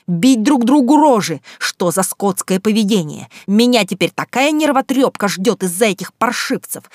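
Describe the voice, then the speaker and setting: A woman voicing a furious middle-aged father, a school principal, who shouts and rebukes in a storybook reading. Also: mid-range voice, no echo, studio quality, natural voice.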